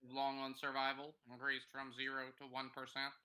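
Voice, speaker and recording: A stiff, calculating robot soldier speaks in a loud, clipped monotone, as a man puts the voice on at a gaming table. The tone is bright and crisp. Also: mid-range voice, a little fast, pitched above the performer's own voice, rough recording. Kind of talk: tabletop roleplay in character.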